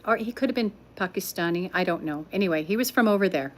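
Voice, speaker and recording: Talking fast in a lowish voice, this older woman shares stories on a relaxed livestream from her living room at home. She chats with the people watching and laughs a lot.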